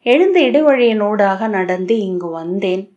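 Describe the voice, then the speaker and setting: A woman's voice: mid-range voice, expressive, measured pace, darkish tone, lightly acted. A woman reading the lines of a dazed young male disciple, who recounts a strange night in a bewildered, dreamlike way, on a dull lo-fi recording. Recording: dull lo-fi audio.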